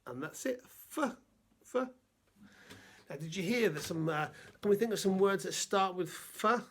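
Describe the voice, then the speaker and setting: A man presenting a gentle lesson for under-fives, unhurried and halting with little fillers. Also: high voice, expressive. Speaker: children's presenter.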